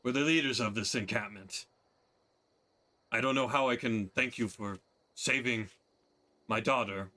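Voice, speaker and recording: A man's voice: mid-range voice, unhurried, long pauses, pushed and bright. A man voicing a brutish, burly male camp leader who talks bluntly and commandingly. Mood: grateful.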